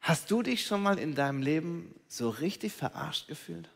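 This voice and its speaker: A man delivers a sermon with a slightly raised pitch. His delivery is dramatic, jumping from loud calls down to hushed, breathy whispers. His voice rings out with a long reverb tail, as if in a large hall. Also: lively intonation, moderate pace. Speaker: pastor.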